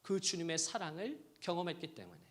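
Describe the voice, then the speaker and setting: A middle-aged man, a pastor preaching a sermon, swinging between hushed quotes and loud, emphatic passages. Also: on the high side, wildly swooping pitch, brisk.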